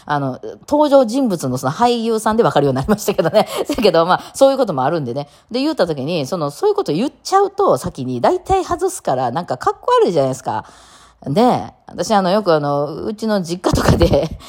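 A woman's voice: fairly low pitch, big pitch swings, a little fast, a little mellow. A woman with a Kansai accent hosting a casual solo talk show, rambling chattily and laughing often between many fillers. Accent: Kansai Japanese. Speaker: podcast host.

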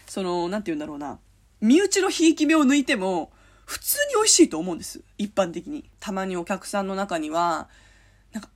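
A young woman from Korea, a native Korean speaker, hosts her own podcast. Her voice is slightly husky and breathy, and she talks in an animated, chatty way. Her pitch swings widely, and she laughs often. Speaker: podcast host. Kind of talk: casual solo chat.

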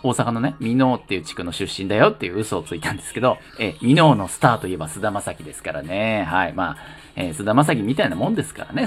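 Chatty man with a lively, bouncing voice. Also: fairly low pitch. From Kanto region of Japan. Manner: chatty, playful, self-mocking. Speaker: solo podcast host reading listener letters. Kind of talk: casual solo radio talk.

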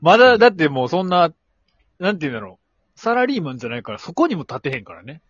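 A man with a Kansai accent co-hosting a casual comedy podcast, trading quick banter and acting out silly skit lines. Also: fairly high pitch, big pitch swings, a bit bright, husky, no echo. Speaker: podcast co-host. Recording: muffled lo-fi podcast audio.

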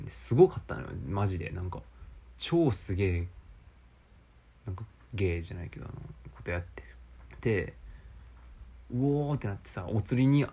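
A young man with a Kansai accent, rambling through a casual, self-mocking solo podcast in a low voice. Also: dark tone. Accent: Kansai Japanese. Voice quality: low speaking voice.

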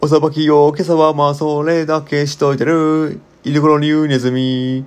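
A man voicing a gruff, touchy talking mouse in a storybook reading, speaking roughly and bluntly. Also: on the high side, little pitch movement, moderate pace, a little mellow, voice pushed up, lightly acted. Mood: grumbling.

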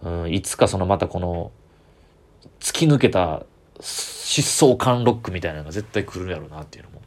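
A man's voice: sits low, animated, moderate pace. A man with a Kansai accent, chatting on his own as a comedian podcaster, rambling with easy enthusiasm. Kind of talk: solo casual chat.

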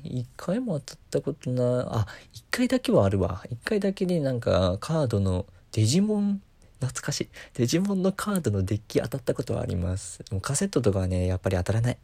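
A man's voice: medium pitch, big pitch swings, fast, creaky, warm tone, dry recording. A young man hosting a podcast, chatting casually on his own in a rambling, playful way. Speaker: podcast host. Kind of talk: casual solo chat.

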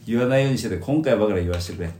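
A man co-hosting a comedy talk show in a dressing room, speaking quietly and matter-of-factly. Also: on the low side, rapid-fire, echoey room, slight background noise. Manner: subdued, quiet and matter-of-fact. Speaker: comedy podcast co-host. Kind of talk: casual comedic banter.

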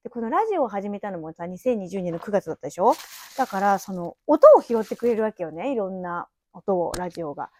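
She's a podcast host in her thirties, talking alone at home in an empty house into a phone app mic. With a medium pitch, a quick, expressive delivery, and a slightly mellow tone, she wanders through chatty reminiscences punctuated by little laughs.

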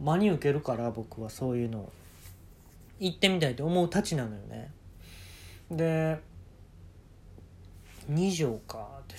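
A man's voice: fairly high pitch, darkish tone. A man with a Kansai accent, hosting solo and telling a comic story in a casual, conversational way, acting out bits of dialogue. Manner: conversational, acts out quoted dialogue. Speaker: solo podcast host. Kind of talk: casual comedic storytelling monologue.

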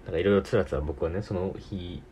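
Low-pitched and warm, this man's voice moves fast over a faint hiss or hum. He hosts his own podcast, chatting casually by himself with a Tokyo Japanese accent, being from Tokyo. He keeps correcting himself and breaking into laughter.

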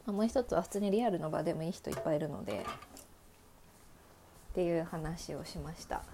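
Woman, chatty solo talk host, frank storytelling, lots of fillers, gravelly fry, dark mellow tone. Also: sits low, brisk, slight background noise. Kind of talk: casual storytelling monologue.

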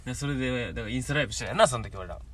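A young man with a Kansai accent co-hosting a casual comedy chat, laughing often and dropping low and quiet between bursts. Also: racing. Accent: Kansai Japanese. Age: young adult. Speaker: podcast co-host.

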